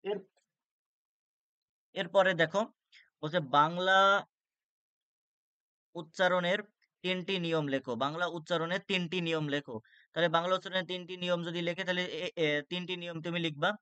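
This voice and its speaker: A man's voice: high voice, steady tone, moderate pace, pauses often, pushed and bright, clean tone, no echo. A young man tutoring for an exam, reading rules aloud with many "ah" fillers and restarts. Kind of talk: exam-prep lecture.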